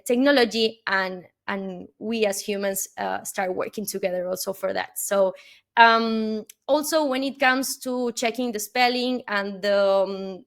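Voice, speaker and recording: Her voice is mid-range with a fairly bright tone as she, a woman from Argentina and native Spanish speaker, gives a heartfelt webinar keynote in English. Her Argentine accent comes through, along with lots of "uh" and "no?" tags.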